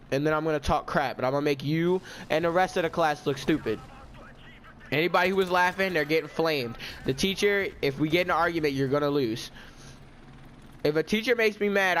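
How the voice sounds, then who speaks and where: A man's voice: a little high, a bit bright, slight background noise. A teenage boy telling a storytime vlog in a casual, indignant, ranting way. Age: teens. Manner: indignant, ranting, self-justifying.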